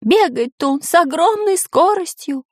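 Storybook professor, excitable man, read by a woman; close and dry. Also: low voice, slow pace, gravelly, dry recording, exaggerated voice. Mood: alarmed. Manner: explaining, then alarmed shouting. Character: learned excitable male professor. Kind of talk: storybook reading.

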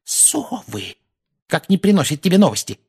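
Shrill, sour, scolding aunt, done by a male reader, pitched well up, husky. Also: sing-song, brisk. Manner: sharp, scolding. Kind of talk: audiobook character voice.

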